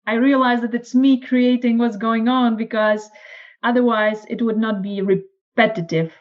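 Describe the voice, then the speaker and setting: A woman with a Czech accent, a podcast guest telling her story in casual conversation, lively and acting out quoted lines. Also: normal speed, lo-fi sound. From Czech Republic. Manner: animated, acts out quoted lines in a higher voice.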